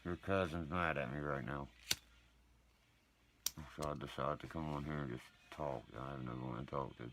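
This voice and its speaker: A man's voice: very deep voice, steady tone, moderate pace, a bit bright, a little hiss or hum. A man hosting his own livestream, ranting profanely and boasting while he answers viewer comments. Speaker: livestream host. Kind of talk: rambling livestream monologue.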